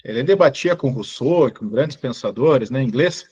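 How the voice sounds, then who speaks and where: A man's voice: mid-range voice, expressive, normal speed, a little mellow, husky, highs cut off. A man hosting a casual interview, chiming in with remarks and apologizing for interrupting. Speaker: host.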